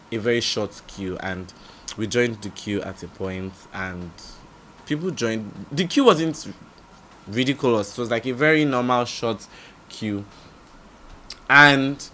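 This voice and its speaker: A young Nigerian man with a Nigerian accent, telling a storytime vlog in an animated way, his loudness swinging up and down. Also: medium pitch, a little hiss or hum. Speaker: vlogger. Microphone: camera mic.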